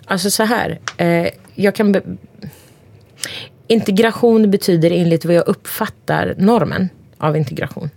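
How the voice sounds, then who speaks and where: A woman in her forties, an interview guest speaking bluntly and emphatically, swearing freely and listing things off in quick runs. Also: fairly low pitch, gravelly, a little mellow, no echo. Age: 40s. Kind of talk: candid conversation.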